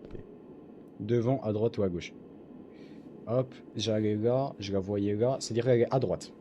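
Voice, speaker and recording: A young man streaming a horror game, talking casually to his viewers in slangy bursts that swing from low muttering to excited yelps. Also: unhurried, lo-fi sound, a little hiss or hum. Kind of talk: casual live-stream gameplay commentary.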